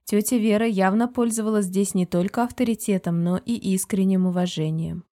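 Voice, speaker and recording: A woman narrating a novel in the first person, with a calm, even storytelling manner. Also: medium pitch, a little fast. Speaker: audiobook narrator.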